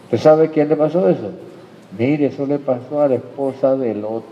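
A man preaching a sermon with emphatic swings between loud and quiet. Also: mid-range voice, moderate pace, slight background noise. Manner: emphatic preaching, rises and drops in loudness. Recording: dull sound in a reverberant hall.

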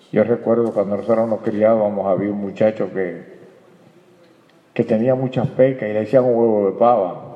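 A male preacher delivering an emphatic sermon, full of rhetorical questions and calls to his brothers. His mid-pitched voice has a gravelly edge. It rings through a church hall with a long, dull echo. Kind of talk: sermon on scripture. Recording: echoey hall, dull sound.

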